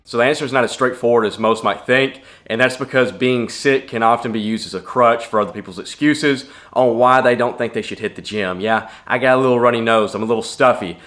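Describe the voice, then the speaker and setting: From his home gym, a young fitness vlogger gives casual advice to the camera in a plainspoken, earnest manner. His voice sits lowish and a bit bright.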